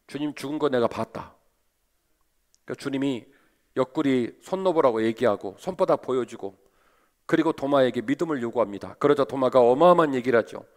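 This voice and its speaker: A man preaching a sermon as pastor, lively and asking his listeners rhetorical questions. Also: mid-range voice. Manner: animated, asks the congregation rhetorical questions.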